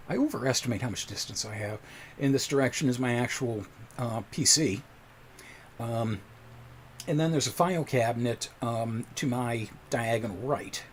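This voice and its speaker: A man's voice: mid-range voice, slight background noise. A man hosting a casual livestream from his home computer desk, talking into a desk microphone in a chatty, rambling, self-deprecating way. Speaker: livestream host.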